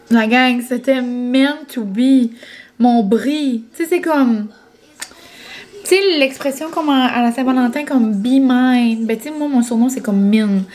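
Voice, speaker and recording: A woman with a Quebec French accent chatting casually at home for her vlog, excitable and dropping English words into her talk. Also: on the high side, rough recording. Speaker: vlogger. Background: background music.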